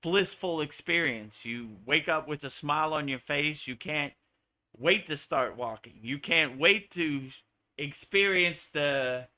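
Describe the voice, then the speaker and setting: A man's voice: on the high side, a little slow, bright, forceful tone. An American man, a spiritual teacher, talking earnestly and repetitively in a live Q&A satsang.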